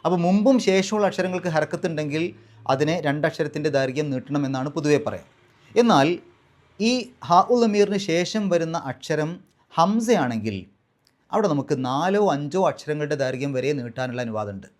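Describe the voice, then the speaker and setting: A man teaching Quran recitation rules in a patient, step-by-step way, slowly drawing out the recited words as examples. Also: a little high, animated, a little mellow.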